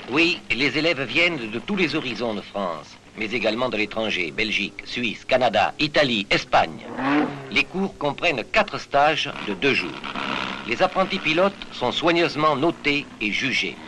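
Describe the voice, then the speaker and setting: A man narrating a 1960s news report in a measured, formal way. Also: medium pitch, very animated. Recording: hissy 1960s film soundtrack.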